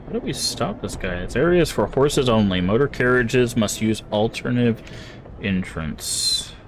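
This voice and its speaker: A man's voice: medium pitch, animated, a little slow, a little hiss or hum. A man commentating casually as he plays a video game.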